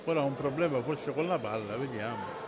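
A man giving live handball commentary, pausing as he searches for names and words. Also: mid-range voice, over a noisy crowd. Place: indoor sports hall, at courtside. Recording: loud sports hall noise, bouncing balls. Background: loud gym ambience and ball bounces.

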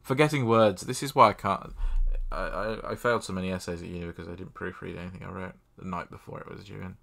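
Young man, fairly low voice, casual game commentary, reads text aloud, dry self-mocking asides, desk mic. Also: steady tone, fast, creaky, a bit bright. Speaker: gamer playing a text adventure. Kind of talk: casual let's-play commentary.

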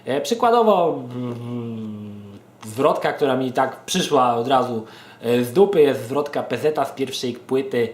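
A man's voice: medium pitch, animated, a little slow, echoey room. A man who raps as a hobby, giving casual tips to his viewers, with many filler sounds and restarts, often calling them dear ones. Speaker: amateur rapper and vlogger running a verse contest. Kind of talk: casual advice monologue to viewers.

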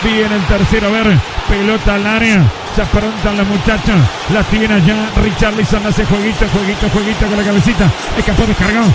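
Male Uruguayan radio football play-by-play, high pitch, excitable and repetitive, very noisy broadcast. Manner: excitable, repetitive rapid-fire phrasing. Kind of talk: excited live radio football commentary, drawn-out goal calls. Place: live sports radio broadcast, noise behind the voice.

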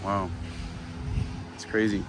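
Outdoors in a small town, a man presenting a travel vlog chats casually and expresses amazement at what he sees. He speaks slowly in a fairly low, flat voice, and the noisy recording carries vehicle and ambient sounds.

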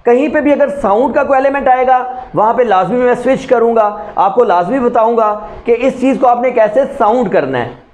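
A man's voice: very high-pitched, moderate pace, darkish tone. A man teaching an English grammar lesson, explaining step by step and quizzing his students with questions. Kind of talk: spoken English grammar lecture. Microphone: recording a lesson video.

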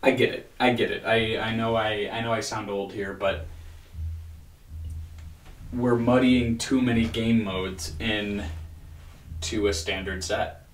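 A man in his thirties giving a casual, rambling video-diary rant, weary and frustrated, with halting restarts. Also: on the low side, fairly even intonation, soft background music. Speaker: vlogger. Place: small home room with bookshelf, indoors. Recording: roomy echo, distant microphone.

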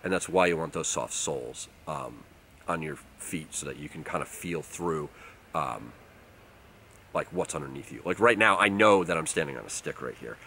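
A man, casually explaining outdoor tips to the camera in a relaxed way, recorded outdoors in a forest. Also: very deep voice, moderate pace, vocal fry, a little hiss or hum. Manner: relaxed, explanatory, uses fillers like um and like. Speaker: outdoors channel host. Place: outdoors in a leafy winter forest.

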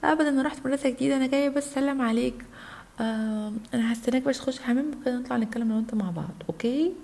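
A woman's voice: sits high, racing, vocal fry, darkish tone. A woman with an Egyptian Arabic accent voicing a scheming, vengeful girl toy doll who talks slyly. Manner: sly, gloating.

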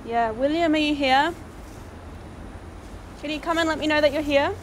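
A young woman with a fairly high voice chats casually while exploring a graveyard at night. She reads names off old headstones for her vlog. A steady hiss of outdoor noise sits under the recording. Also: moderate pace, poor audio. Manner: chatty, reading out names from headstones. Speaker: paranormal vlogger host.

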